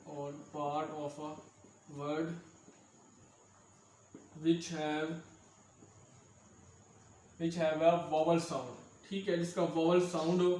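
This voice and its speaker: A fairly high-pitched man explains a lesson, repeating key words and asking his listeners if they have followed. He speaks in an echoey room. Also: a little mellow, slight background noise. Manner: repetitive, checks understanding with "ठीक है दोस्तों"; mixes English terms into Hindustani speech. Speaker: English teacher. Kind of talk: classroom lecture.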